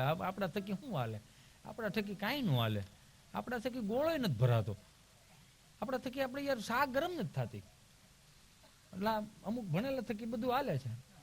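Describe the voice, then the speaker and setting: A middle-aged stand-up comedian with a high voice performs folk storytelling comedy. He's a rustic, animated storyteller who acts out the voices.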